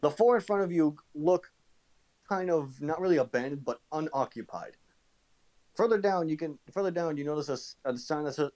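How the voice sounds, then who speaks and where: A man's voice: medium pitch, a little mellow. A man narrating a tabletop game as game master over an online call, hesitant and restarting his sentences often.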